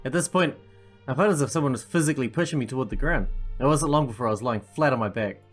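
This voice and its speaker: A woman's voice: very deep voice, fast, faint music behind. A woman doing a let's play, reading game narration aloud and adding casual commentary.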